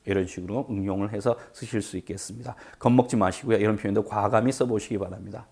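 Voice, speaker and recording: A man's voice: fairly low pitch, steady tone, dark tone, husky. Man teaching English phrases. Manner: drills English phrases slowly, explains quickly in Korean. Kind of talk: language lesson.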